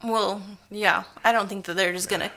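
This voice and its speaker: Female co-host with a bright, sharp voice, dry and playful in conversation. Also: mid-range voice, fairly even intonation, moderate pace. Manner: wry, playful quips. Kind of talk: casual chat.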